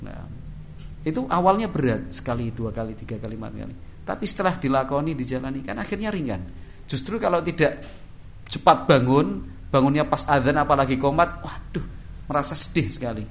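A man's voice: mid-range voice, animated, a little fast, gravelly, a little hiss or hum. Javanese-accented man preaching conversationally. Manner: conversational, acts out quoted dialogue in shifted voices; repeats "kan itu" as a verbal tic. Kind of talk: religious study lecture.

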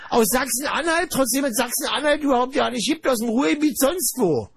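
A man hosting a radio show from a studio, firing off rapid rants full of mock outrage. His voice sits very high and comes out husky. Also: animated, no room sound. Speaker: radio host. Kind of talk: fast comic radio rant with caller. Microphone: studio mic with headphones.

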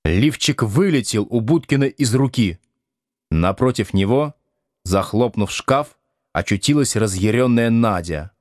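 A man reading a novel aloud as an audiobook narrator, expressive and voicing the dialogue. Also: mid-range voice, unhurried, dry recording, studio quality. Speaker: audiobook reader. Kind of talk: scripted narration.

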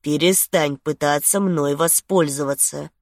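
A woman's voice: low voice, fairly even intonation, a little slow, dry recording, studio quality. A woman playing a smug, seductive man. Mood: teasing.

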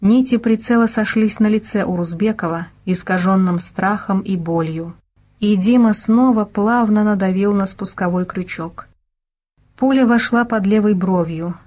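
A woman reading an action audiobook in steady, even scripted narration. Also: medium pitch. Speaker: audiobook reader.

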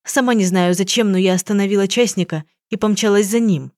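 A woman reading an audiobook, voicing a frightened, tearful young woman who pleads in a high, shaky voice. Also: brisk, darkish tone, no room sound, clean studio sound, close to an everyday voice. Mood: confessing.

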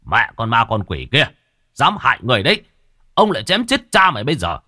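A gruff older village man bellowing threats at a spirit, played by a male narrator in a ghost story. His voice swings widely and lands hard, and the sound is dry and close. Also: medium pitch, huge pitch swings, a little fast, dry recording, exaggerated voice. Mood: furious. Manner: shouting, threatening.

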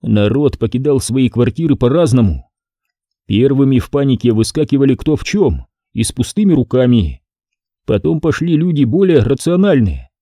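A man reads a first-person detective story with wry, lively storytelling. His voice is dark and mellow and moves freely in pitch. The recording is close and dry. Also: no echo. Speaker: audiobook narrator. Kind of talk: scripted narration.

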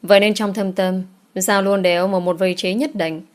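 A woman narrating a romance novel aloud in a steady storytelling manner. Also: medium pitch, normal speed.

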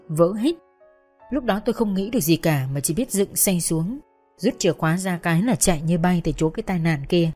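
A woman narrating a first-person audio story in a steady, confessional way. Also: lowish voice. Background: faint music.

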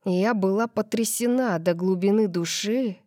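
A woman's voice: mid-range voice, unhurried, warm tone, no room sound. Woman reading an audiobook, dry close sound. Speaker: audiobook narrator. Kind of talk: first-person audiobook narration.

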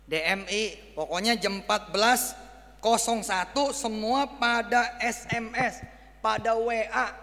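A man preaching in a high, gravelly voice with a bright, sharp edge. He swings between loud bursts and low, quiet asides. The sound carries a long hall reverb. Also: a little slow. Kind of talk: sermon.

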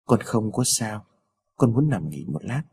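A man voicing a sickly, timid young girl, speaking softly and pleadingly, in a husky voice. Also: mid-range voice, big pitch swings, fairly quick, voice pushed down. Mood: weak tearful. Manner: soft, pleading.

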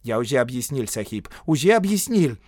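A man voicing a nervous, fussy middle-aged male clerk who pleads and frets in a high voice in an audiobook. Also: big pitch swings, a little fast, darkish tone, dry recording, studio quality. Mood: fussy pleading. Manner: fussy, pleading, shrill when panicked. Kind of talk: audiobook character voice.

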